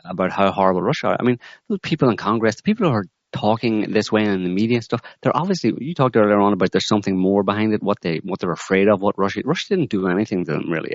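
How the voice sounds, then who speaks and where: Man, very low voice, rambling co-host in political talk, dry muffled audio. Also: no echo. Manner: rambling, hesitant, many restarts. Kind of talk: political discussion.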